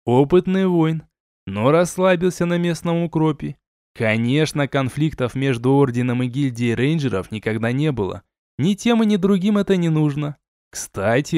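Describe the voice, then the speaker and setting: A man's voice: medium pitch, darkish tone, no room sound. A male audiobook narrator telling a fantasy tale in the first person, wry and chatty, with a mid-range voice. The recording is close and dry, with no room sound.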